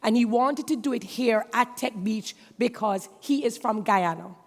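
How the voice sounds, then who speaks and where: A woman's voice: on the high side, moderate pace. Woman hosting a conference on stage. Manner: announcing, builds to an excited intro. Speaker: conference host. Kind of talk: stage introduction. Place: conference stage in a large hall. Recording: long hall reverb.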